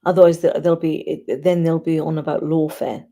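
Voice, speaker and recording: A woman hosting a casual livestream, thinking aloud and giving opinions informally in a husky, gravelly voice. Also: low-pitched, level tone, moderate pace, warm tone. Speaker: livestream host. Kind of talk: casual chat to live commenters.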